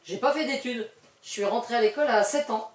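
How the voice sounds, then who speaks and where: A woman's voice: on the high side, a little fast. An older woman from the French countryside, chatting as an interview guest in a loose, filler-heavy way with laughing asides. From western France countryside. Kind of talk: casual interview chat. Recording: roomy sound from a distant mic.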